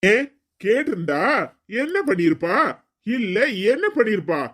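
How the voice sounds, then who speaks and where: A man's voice: sits high, sing-song, measured pace, heavily acted. A man voicing a proud, hot-tempered young husband in a cartoon story, scolding and threatening. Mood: angry. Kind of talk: cartoon voice acting.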